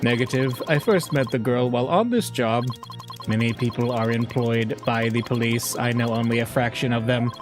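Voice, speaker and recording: A man voicing a curt male bomb squad specialist in a game playthrough, speaking in a flat, robotic, synthesized-sounding monotone with clipped, terse phrases. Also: mid-range voice, moderate pace. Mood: robotic deadpan. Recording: game music playing behind.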